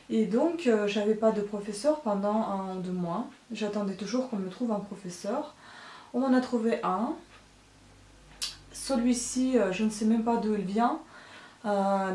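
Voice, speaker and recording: A woman vlogger with a mid-range, dark-toned voice rambles casually and hesitantly, her monologue packed with filler sounds and frustrated complaints. She's recorded on a distant mic, giving the audio a roomy sound.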